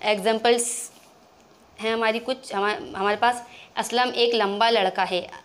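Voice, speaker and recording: A woman explaining grammar to learners, patiently repeating terms, with frequent pauses and restarts. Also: a little high, fairly even intonation. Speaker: English grammar teacher.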